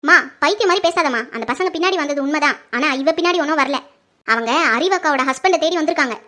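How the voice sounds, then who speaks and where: A cheeky young daughter impatiently talks back to her mother, as a performer puts her on. Her voice is high and bright, and her delivery is blunt in this homemade family skit. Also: fast. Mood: defiant. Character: defiant young woman defending her sister. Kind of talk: home-made Tamil family skit acting.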